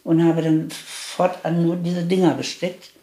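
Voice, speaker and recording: An older woman in an interview, telling her life story candidly, halting at times and pressing hard on key points. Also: lowish voice, flat delivery, warm tone.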